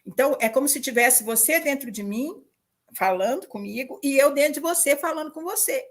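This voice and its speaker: A woman in her sixties talking casually with her daughter, telling stories with lively laughter. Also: high-pitched, brisk. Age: 60s. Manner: animated storytelling, laughing often. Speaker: mother, systemic counselor. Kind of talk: casual conversation.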